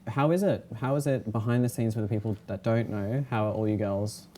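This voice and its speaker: Mellow, low-voiced Australian male interviewer. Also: fairly quick. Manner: complimentary, encouraging. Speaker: interviewer, show host. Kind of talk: casual interview. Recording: faint background noise and ambience.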